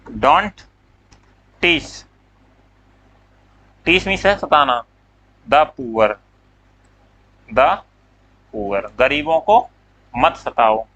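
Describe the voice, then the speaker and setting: A man's voice: a little high, pushed and bright, poor audio. A man teaching English grammar in a classroom lecture. He asks questions, answers them himself, and draws out the English words as he dictates them.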